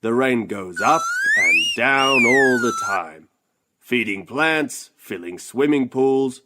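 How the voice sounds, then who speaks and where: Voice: medium pitch, wildly swooping pitch, slow, very noisy. An actor playing a cheerful know-it-all professor who teaches young children in a broad, singsong children's-theatre manner, sounding words out. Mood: playful teaching. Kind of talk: children's story podcast acting.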